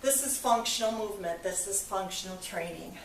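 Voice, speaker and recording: A woman's voice: mid-range voice, brisk, a little hiss or hum. A woman fitness instructor leading a workout, upbeat and encouraging as she counts reps, a little out of breath. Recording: echoey room, voice from a distance.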